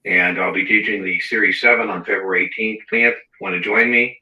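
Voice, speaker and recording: A man hosting a live exam-prep Q&A, chatty and repeating words for emphasis, heard through tinny, low-quality audio that cuts in and out. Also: fairly even intonation, fairly quick, pushed and bright. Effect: tinny, low-quality audio cutting in and out. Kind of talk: casual livestream talk. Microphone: wrong mic across the room. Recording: tinny, roomy sound from a mic far off.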